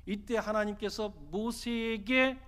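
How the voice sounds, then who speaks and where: A man's voice: sits high, steady tone, measured pace, fairly bright tone, clean tone. A male pastor delivering a sermon in a church, telling stories with emphasis and asking the congregation rhetorical questions. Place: church sanctuary.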